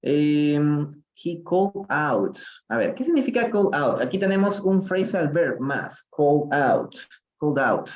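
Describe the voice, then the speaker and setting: In a lo-fi recording, a man with a slightly high, sing-song voice and a Peruvian accent teaches English during a live-streamed reading lesson. He explains phrases slowly, switching between English and Spanish and frequently checking in with "¿no?".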